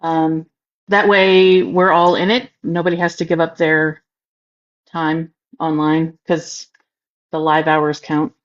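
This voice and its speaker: Low-voiced woman co-hosting over a dull line. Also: slow. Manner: relaxed, talks through her tech setup. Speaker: co-host of a live stream. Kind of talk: casual live-stream chat.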